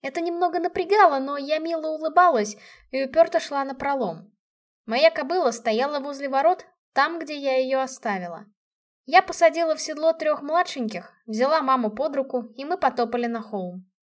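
A woman reads a first-person story aloud with lively expression. Her voice sits fairly high. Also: moderate pace. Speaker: audiobook narrator.

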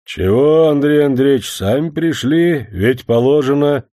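A stern, weary old grandfather grumbles in gruff, old-fashioned village speech, as a man reads him in a story. The voice is mellow and dark and moves a lot. The recording is close and dry. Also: mid-range voice, animated, measured pace, no room sound, voice pushed up, close to an everyday voice.

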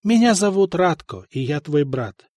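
Male narrator doing a calm, earnest young Slavic seeker, pitched high and lively in the voice, dry close sound. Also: moderate pace, no echo. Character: young Slavic man, calm, searching for his brother.

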